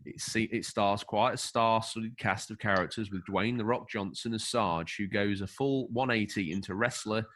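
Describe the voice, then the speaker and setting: A man's voice: fairly low pitch, moderate pace, hardly any pauses, fairly bright tone, a little hiss or hum. A man co-hosting a casual podcast, reading out a film overview with jokey, emphatic asides. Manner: jokey, emphatic, stumbles over names. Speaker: podcast co-host.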